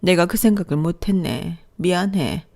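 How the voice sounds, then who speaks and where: A woman voicing a gentle, frail old mother-in-law. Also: lowish voice, moderate pace. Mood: apologetic.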